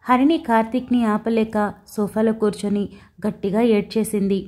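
Woman storyteller, mellow and expressive, audio story narration. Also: on the high side, normal speed.

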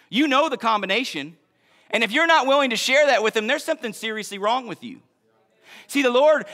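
A man in his thirties preaches to his church with a high, bright voice. He is emphatic and animated, pushing some lines up to a shout and dropping others to a near hush. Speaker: pastor. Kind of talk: sermon. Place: church sanctuary.

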